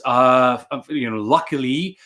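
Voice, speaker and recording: A man in his thirties from Sweden, a native Swedish speaker, speaks on a video call at a middle pitch. He talks earnestly and often repeats a word while he gathers his thoughts. He sounds like a coach giving a casual interview from a bright room at home. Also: slow. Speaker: success coach, guest.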